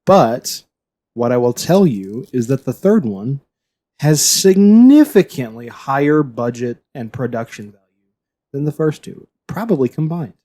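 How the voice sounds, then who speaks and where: Mellow-voiced man in casual chat. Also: medium pitch, very animated, unhurried. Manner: rambling, chatty, trailing off. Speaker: podcast co-host.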